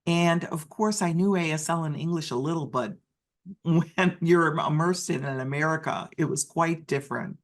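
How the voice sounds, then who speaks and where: Speaking in the first person, an interpreter gives voice to a deaf person's personal story. The phrasing is halting, with frequent restarts and self-corrections, and the pitch sits in the middle range.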